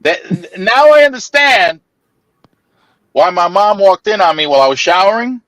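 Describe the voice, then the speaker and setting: A man spins a story in loose, casual chat, his voice climbing and dropping all over as he laughs and trips over his own restarts. He is fairly high for a man and sounds close and dry, with no room around him. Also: normal speed, no room sound, rough recording. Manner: animated, laughing, stammering restarts, swings into high mimicking voices.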